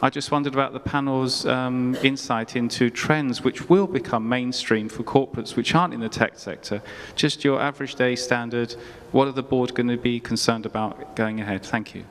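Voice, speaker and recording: A man's voice: medium pitch, steady tone, normal speed. Polite man questioning a panel. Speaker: audience questioner from a company. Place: large conference hall. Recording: reverberant hall sound.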